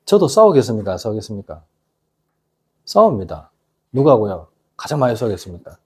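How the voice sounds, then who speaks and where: A middle-aged pastor preaching a casual youth sermon, constantly asking the congregation whether they agree. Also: male voice, on the low side, big pitch swings, fairly quick, breathy edge. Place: church youth service.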